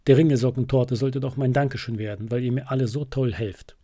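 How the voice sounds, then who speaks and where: A man voicing an eager young female sheep in a children's storybook reading, with bright, excited exclamations. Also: medium pitch, fairly quick, no room sound, clean studio sound, close to an everyday voice. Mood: bleating, eager.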